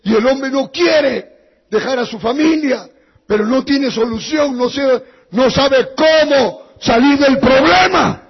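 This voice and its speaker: Male pastor, high and very raspy, preaching through long church reverb. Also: slow pace, dull audio. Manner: storytelling preacher, dropping to a hushed voice in sad passages. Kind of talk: sermon.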